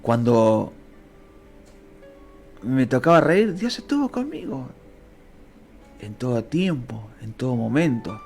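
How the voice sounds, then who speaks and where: A man with a Rioplatense Spanish accent teaching the Bible in a fervent, emotional sermon that swings between low and high pitch. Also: very animated, slow, creaky, long pauses, a little mellow, soft background music.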